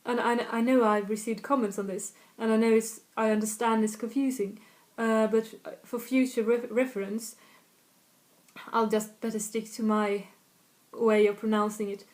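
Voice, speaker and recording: Her fairly high voice is a little mellow, moves little in pitch and keeps a moderate pace. She's a language tutor from north of Stockholm with a slightly northern Swedish accent, chatting casually in a video lesson and repeating example phrases.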